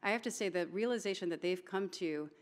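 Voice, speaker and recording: A woman's voice: lowish voice, fairly quick. A woman from Hawaii, moderating a conference panel in an informal way and mixing in words. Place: conference hall stage. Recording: long reverb of a large hall.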